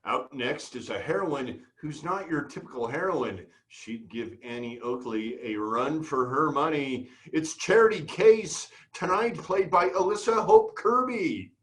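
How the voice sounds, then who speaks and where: A man's voice: on the high side, measured pace, hardly any pauses, a bit bright, low-quality recording. A man announcing a cast in a theatrical show introduction.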